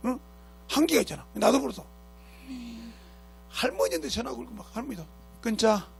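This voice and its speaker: A man's voice: extremely high pitch, lively intonation, brisk, vocal fry, a little hiss or hum. A man preaching a sermon as pastor, emphatic and scolding, who keeps asking his congregation rhetorical questions. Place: church sanctuary.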